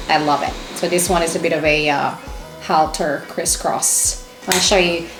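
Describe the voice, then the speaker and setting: A woman vlogger chatting casually and enthusiastically to camera as she shows things off in a shopping haul. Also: on the low side. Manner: chatty, enthusiastic, exclaiming over items. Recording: echoey room with music underneath.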